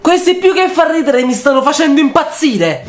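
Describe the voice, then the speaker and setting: A young man hosting a reaction video, excitable and quick to shout and laugh between comments. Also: very high voice, faint music behind. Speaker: YouTuber host.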